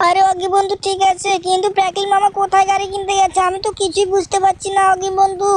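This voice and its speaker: A woman voicing a mischievous, hot-tempered little boy in a fan-dubbed game video, talking in a shrill, whiny way. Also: monotone, racing, slight background noise. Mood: excited.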